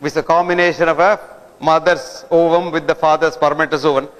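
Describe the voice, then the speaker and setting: Guy giving a lecture, keeps quizzing the crowd, pitched a bit high, big hall echo. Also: little pitch movement, fairly quick, a bit bright. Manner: didactic, fires rhetorical questions at listeners. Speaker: guest lecturer. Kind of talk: lecture to an audience. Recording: long hall reverb.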